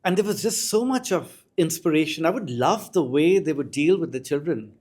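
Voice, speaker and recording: A middle-aged school educator with an Indian accent shares anecdotes as a podcast guest in a fairly high voice. He tells his stories articulately and reflectively, at a moderate pace with lively intonation and a slightly mellow quality.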